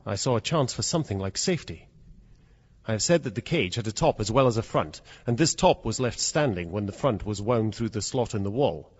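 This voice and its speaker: Hushed dread fills this radio drama, where an actor plays the lead and narrator: a formal, intense man in mortal fear, trapped with a predatory cat. He speaks on the low side, brisk, expressive and slightly rough, on a dull, noisy recording.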